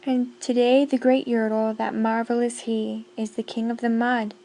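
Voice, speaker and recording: A woman's voice: a little high, flat delivery, moderate pace, mellow, rough recording. Woman reading a rhyming storybook aloud. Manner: rhythmic, sing-song rhyming narration. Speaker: audiobook reader.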